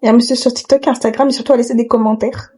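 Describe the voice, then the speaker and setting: Woman, cartoon reaction video, mellow voice, slightly high, slangy jokes. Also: steady tone, racing, slightly rough. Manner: joking, slangy, outspoken. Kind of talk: casual reaction commentary.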